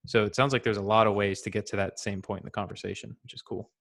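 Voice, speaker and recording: A man with a fairly low voice talks shop in easy, loose conversation. He rambles comfortably, peppering his sentences with fillers as he explains how he handled tough calls. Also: quick pace, gravelly. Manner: relaxed, chatty, many "like" fillers. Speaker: former sales rep sharing advice. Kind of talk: casual group call.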